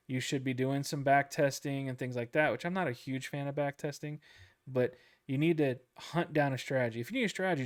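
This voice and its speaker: A man casually coaching traders through a book chapter, repeating points and checking in with "okay?" and a goofy, self-deprecating streak. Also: mid-range voice. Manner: chatty, repeats himself, lots of "okay?" and "right?". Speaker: trading coach.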